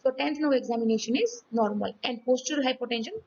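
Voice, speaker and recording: A high-pitched woman, her voice hoarse from yelling. She teaches a medical demonstration, often pausing to ask "okay?" and "ready?". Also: lo-fi sound. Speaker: physiology teacher.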